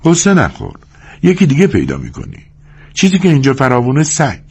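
A man's voice: huge pitch swings, creaky, darkish tone, breathy edge, heavily acted. A man reading a story aloud, putting on the voice of a lonely, restless young woman in a raised, pleading tone. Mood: soothing. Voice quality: higher, pleading voice.

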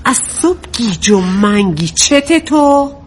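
A scolding middle-aged wife in a family drama. Her voice sits somewhat high and her remarks come quick and pointed. She sounds tired of her husband's moods. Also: sing-song, slight background noise. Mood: nagging. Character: nagging practical middle-aged mother, sharp-tongued. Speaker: wife and mother. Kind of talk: TV drama acting.

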